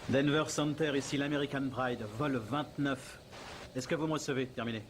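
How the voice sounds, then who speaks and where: A pilot calling on cockpit radio. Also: male voice, medium pitch, steady tone, normal speed. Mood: measured. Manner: formal radio call phrasing. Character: male airline pilot radioing for help. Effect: pilot calling on cockpit radio headset. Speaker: airline pilot. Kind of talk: dubbed film acting. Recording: noisy soundtrack.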